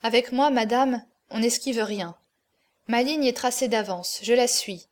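A woman's voice: on the high side, measured pace, natural voice. A woman reading an audiobook, voicing a proud adult male swordsman who speaks firmly and solemnly. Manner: firm, solemn, cold.

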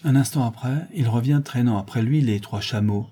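A man narrating an old travel account in a measured, formal reading. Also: medium pitch, mellow, breathy edge. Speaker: audiobook narrator.

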